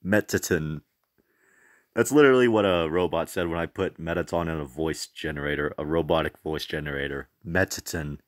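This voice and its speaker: A young man with a low voice reacts to a video from his home mic. He chats loosely, laughs at his own slips and pokes fun at himself. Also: quick pace, hardly any pauses. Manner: chatty, self-mocking, laughs often. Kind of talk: casual reaction commentary.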